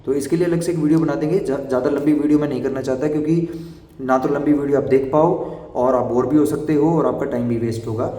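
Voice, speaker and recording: A young man giving fast, direct advice to job interview candidates in an instructive explainer style. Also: medium pitch, steady tone, dark tone. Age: young adult. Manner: brisk and instructive, addresses viewers directly. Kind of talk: explainer video talk. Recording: echoey room, voice from far off the mic.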